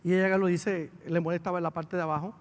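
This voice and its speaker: A man's voice: high voice, little pitch movement, quick pace. A man, a pastor telling a family story in a sermon, with emotion that builds as he goes. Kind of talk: sermon testimony. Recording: long hall reverb.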